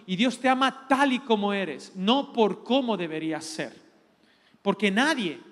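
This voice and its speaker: Lively Spanish pastor, echoing hall. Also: male voice, high-pitched. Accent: Spanish from Spain. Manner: lively, joking, playful preacher. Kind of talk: teaching sermon. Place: large church hall. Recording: long hall reverb.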